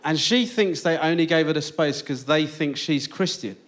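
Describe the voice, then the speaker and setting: A British stand-up comedian tells anecdotes on stage in a radio theatre, his fairly high, slightly bright voice moving at a normal pace. The live theatre recording is noisy.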